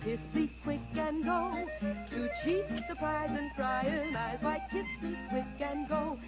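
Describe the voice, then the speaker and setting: A woman singing a lilting old folk song in a western film. Her voice sits high and moves slowly, over loud accompanying music. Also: rough recording. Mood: playful.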